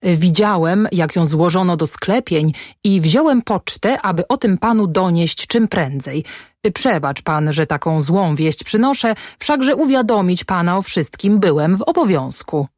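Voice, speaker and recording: A woman's voice: on the low side, lively intonation, measured pace, a little mellow, no echo, clean studio sound. A woman reading a loyal young manservant. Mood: earnest. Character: loyal young male servant bringing bad news. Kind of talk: dramatic reading of a stage play.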